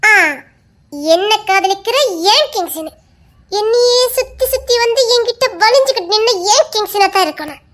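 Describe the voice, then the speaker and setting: A woman's voice: extremely high pitch, lively intonation, moderate pace, a bit bright, pitched above the performer's own voice. A woman doing a bossy, playful young wife. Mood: coaxing. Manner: teasing, bossy, coy. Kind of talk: audio story role-play.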